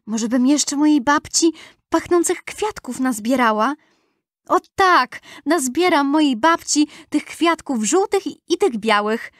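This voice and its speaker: A woman's voice: high-pitched, expressive, unhurried, no echo, clean studio sound, voice pushed up. A woman voicing a cheerful little girl in a rhyming storybook, with a chirpy, sing-song delivery. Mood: eager.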